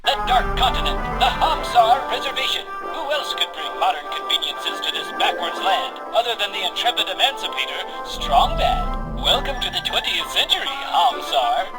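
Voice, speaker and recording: A man's voice: high-pitched, big pitch swings, normal speed, few pauses, loud music behind the voice, low-quality recording. A man voicing a pompous, dramatic propaganda narrator in a cartoon game. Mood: grandiose. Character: grandiose propaganda narrator hailing a great emancipator.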